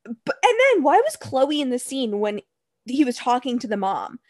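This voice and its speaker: A woman's voice: high voice, very animated, normal speed, no room sound, studio quality. A young woman in casual gossip chat, blunt and profane, sometimes mocking people in a put-on voice.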